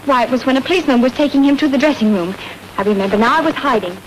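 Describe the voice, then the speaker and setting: A woman's voice: sits high, rapid-fire, a little hiss or hum, close to an everyday voice, poor audio. A woman playing a frightened, pleading girl with a Southern drawl. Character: frightened young woman suspect. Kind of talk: 1930s radio acting.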